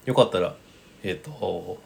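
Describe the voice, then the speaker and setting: A man in his thirties with a Kansai accent, co-hosting a casual, unhurried podcast chat and often searching for his words. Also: low voice, vocal fry. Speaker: podcast co-host. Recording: steady faint background noise.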